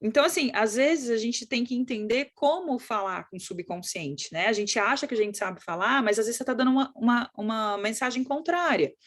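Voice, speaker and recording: A middle-aged woman with a Brazilian accent, teaching in a lively conversational way, often acting out what children and parents say. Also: on the high side, brisk, few pauses. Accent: Brazilian Portuguese. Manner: animated, acts out quoted children and parents. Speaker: course instructor.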